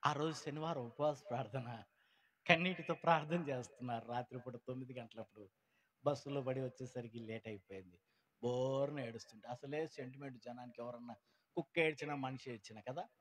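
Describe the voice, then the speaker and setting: A man telling his conversion story at a gospel meeting, swinging between loud outbursts and hushed lines and acting out the people he quotes. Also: mid-range voice, brisk. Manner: acts out quoted people in changed voices. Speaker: testimony speaker at a gospel meeting. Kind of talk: emotional church testimony. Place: church meeting.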